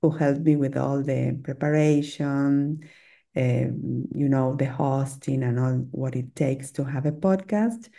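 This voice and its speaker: Her voice is bass-deep, creaky and mellow, with fairly even intonation and a slow pace. She's a middle-aged native Spanish speaker from Argentina with an Argentine accent, appearing as a podcast guest for a casual interview chat, where she hesitates, restarts, uses lots of fillers and laughs frequently.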